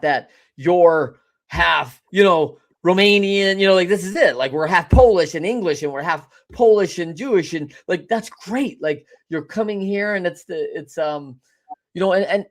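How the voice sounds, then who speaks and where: A man hosting a podcast interview, chatting casually in an animated, folksy way. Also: high voice. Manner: animated, folksy, talks in asides. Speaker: podcast host.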